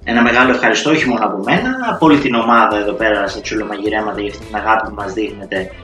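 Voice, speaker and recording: Chatty man, bright voice, roomy echo. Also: fairly low pitch, fairly even intonation. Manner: chatty, slangy, storytelling. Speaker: cooking channel host. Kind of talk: casual chat to viewers. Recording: roomy echo with faint music.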